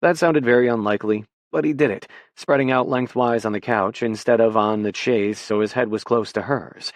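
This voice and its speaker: A man reading an audiobook in a measured, even scripted narration. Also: medium pitch, dry recording.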